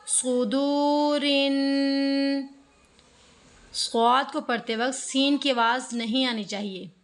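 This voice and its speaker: A woman's voice: a little high, fairly bright tone. A woman giving an online tajweed lesson, patiently explaining pronunciation step by step and drawing out each syllable as she recites. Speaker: online Quran teacher.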